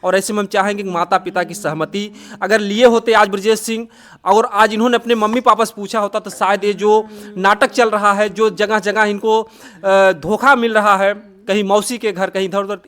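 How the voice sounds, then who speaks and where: A high-pitched man conducts a news-style interview. He speaks earnestly and sympathetically, steering the conversation with questions and commentary. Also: fairly even intonation, normal speed, a bit bright.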